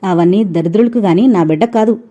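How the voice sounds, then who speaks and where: Woman reading as a loud scolding proud mother. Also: medium pitch, fast, natural voice. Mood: indignant. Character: proud domineering middle-aged mother, sharp-tongued. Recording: dull lo-fi recording.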